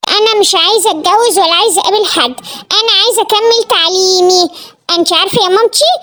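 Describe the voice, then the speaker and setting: A woman's voice: extremely high pitch, fast, pushed and bright. A woman doing a whiny stubborn daughter. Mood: dreamy. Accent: Egyptian Arabic. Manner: whining, pleading. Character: whiny stubborn young daughter refusing marriage.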